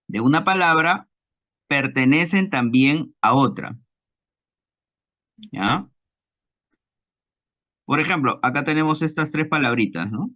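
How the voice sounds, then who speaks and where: This lo-fi recording captures a Peruvian Spanish-accented man lecturing a class at a slow, deliberate pace. He repeats his examples and uses tag questions to make sure students follow, and his voice is fairly high-pitched with a sharp tone.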